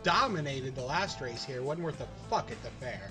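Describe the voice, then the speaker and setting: A man's voice: mid-range voice, animated, moderate pace, music in the background. A man giving informal, blunt kart race commentary with salty banter as a co-commentator.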